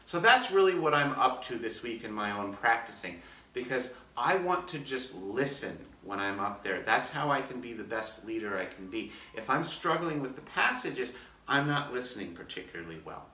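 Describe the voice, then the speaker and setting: A man talking through his practice method in a friendly, methodical way, his voice bright and forward. He is filmed on a phone set back from him, so the room sounds echoey and distant. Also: mid-range voice, lively intonation, moderate pace, slight background noise. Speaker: orchestra concertmaster. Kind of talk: casual practice demonstration.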